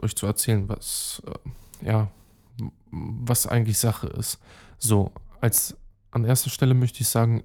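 A young man with a mellow, medium-pitched voice runs a casual solo podcast. Addressing his listeners directly, he chats and rambles, piling on fillers, restarts, and street slang.

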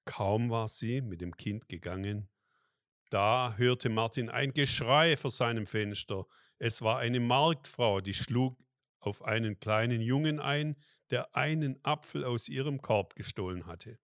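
Slow, calm German-speaking male reader. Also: medium pitch, dry recording, studio quality. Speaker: story reader and prayer leader.

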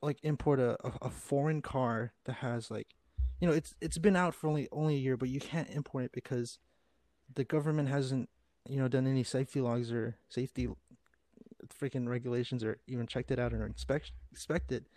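A man's voice: medium pitch, fairly even intonation, brisk, darkish tone, no echo. A young man hosting a casual podcast, rambling and exasperated, often stumbling and restarting his sentences. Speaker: podcast host.

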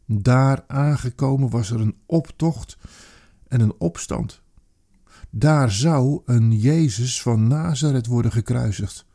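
A man performing an intense dramatic monologue, with slow deliberate pauses and emphatic stresses. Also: medium pitch. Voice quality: gravelly, husky, dark. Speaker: narrator.

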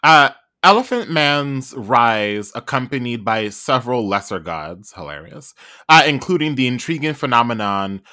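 Male co-host, bright voice, animated casual chat. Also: medium pitch, normal speed. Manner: animated, trails off with many ums. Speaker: podcast co-host. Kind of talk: casual podcast chat and reading aloud.

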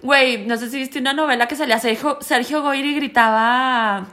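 High-voiced Mexican woman telling stories. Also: brisk. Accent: Mexican Spanish. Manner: slangy, animated, laughs while telling stories. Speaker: podcast co-host. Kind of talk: casual storytelling chat.

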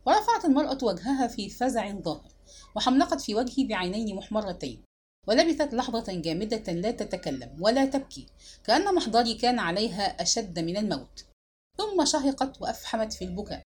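A woman reading a dramatic novel aloud with an emotional, expressive delivery. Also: on the high side, quick pace, husky. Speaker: audiobook reader.

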